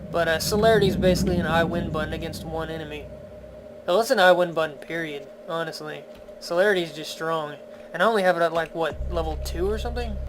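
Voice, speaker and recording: A man's voice: a little high, quick pace, background noise. A man giving casual let's-play commentary in a chatty, playful, wry way. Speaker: video game commentator. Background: game music.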